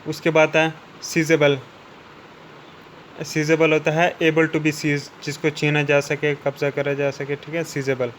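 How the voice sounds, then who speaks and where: A man teaching English vocabulary, explaining each word in Hindi. He keeps checking with "theek hai na" and slows down to read out the English definitions. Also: on the high side, monotone, slight background noise, low-quality recording. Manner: repeats "ठीक है ना" after each point, slows down for English definitions.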